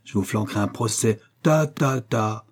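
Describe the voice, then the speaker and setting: A man's voice: on the low side, moderate pace, natural voice. A man reading an angry, swearing aging wine salesman aloud from a novel. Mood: blustering. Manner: blustering, swearing. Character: hot-tempered aging male wine salesman.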